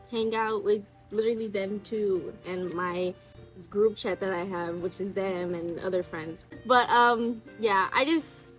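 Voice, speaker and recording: A woman's voice: a little high, poor audio. A woman in her twenties hosting a casual chat, reading messages aloud and commenting in an informal, slangy way. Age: 20s. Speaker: host reading viewer confessions.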